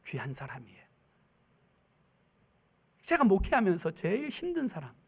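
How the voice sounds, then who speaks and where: A male guest pastor preaching a Sunday sermon in a church, telling stories emphatically and swinging between loud declarations and hushed near-whispers in a rhythmic, repetitive cadence. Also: high voice. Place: church sanctuary.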